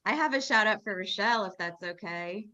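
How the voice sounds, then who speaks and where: Bright-voiced woman on a dull call. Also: medium pitch, lively intonation, brisk. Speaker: meeting member. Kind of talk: casual video-call chat. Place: video call.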